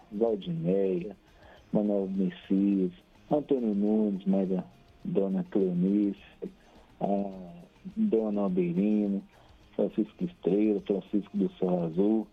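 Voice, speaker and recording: A man's voice: low voice, husky. A Brazilian man calling in to a radio show over a crackly phone line that keeps cutting out. He chats cheerfully, laughs often and reels off long lists of names. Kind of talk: casual chat and shout-outs on air. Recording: tinny phone line with faint music.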